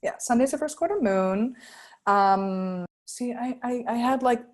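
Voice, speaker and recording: A woman's voice: fairly high pitch, a little slow. A woman astrologer talking casually on a podcast, rambling and searching for words, with frequent laughs. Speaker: astrologer guest.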